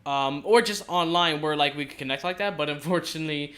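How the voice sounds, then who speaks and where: Bright-voiced man talking with a stitched-up mouth. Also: a little high, fairly quick. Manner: rambling, hesitant, self-correcting. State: mouth stitched after dental surgery, talking slightly abnormally. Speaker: video creator giving game commentary. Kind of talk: casual rambling commentary.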